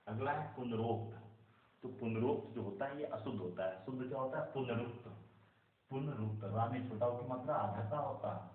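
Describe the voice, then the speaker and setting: A man's voice: medium pitch, normal speed. A man teaching Hindi spelling as a lesson, drilling right and wrong forms of words and often telling students to keep them in mind. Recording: echoey, distant, phone-like sound.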